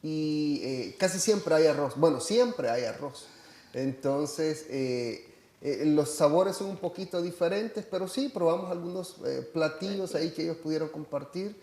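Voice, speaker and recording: A man's voice: a little high, a little slow, warm tone, roomy sound. A Salvadoran man with a hesitant manner and lots of fillers, chatting about a church trip. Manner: hesitant, many fillers and restarts. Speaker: church member reporting on a trip. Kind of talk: casual chat.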